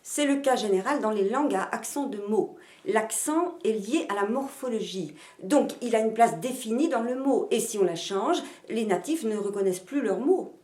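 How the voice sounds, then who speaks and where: Lively teacher in an echoey room. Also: female voice, on the high side, moderate pace. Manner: demonstrative, rhythmic, sounding out syllables. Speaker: language teacher. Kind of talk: pronunciation lesson.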